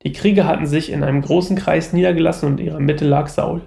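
Man, Bible reading with casual commentary, slightly high voice, gravelly, fillers and restarts. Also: fairly even intonation, fast, warm tone, roomy sound. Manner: informal asides with fillers and self-corrections. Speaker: Bible reader and teacher.

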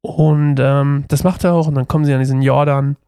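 Gravelly mellow-voiced man reading aloud. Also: medium pitch, steady tone, brisk, dry recording, clean studio sound. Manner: reads steadily with small slips and restarts, then talks loosely with fillers. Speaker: Bible reading podcast host. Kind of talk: reading a Bible passage aloud, then casual commentary.

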